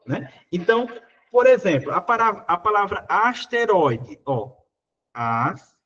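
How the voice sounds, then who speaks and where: A man's voice: high-pitched, big pitch swings, unhurried, a bit bright, husky, dull audio. A Brazilian Portuguese man teaching, working through exam questions in a casual, conversational way, full of little fillers.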